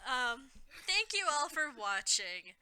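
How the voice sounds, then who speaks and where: A young woman reading a story aloud for comedy, in a hammy manner that bursts into shouting. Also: sits high, sing-song, takes it slowly, smooth, low-quality recording. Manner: hammy, shouting the quoted lines. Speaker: comedy reader.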